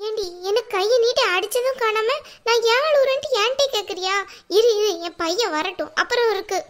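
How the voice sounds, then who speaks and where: Woman voicing a shrill scheming mother-in-law. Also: a little fast. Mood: wailing. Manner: scolding, then wailing dramatically. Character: scheming middle-aged mother-in-law, sharp-tongued, fake crying. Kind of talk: cartoon dubbing.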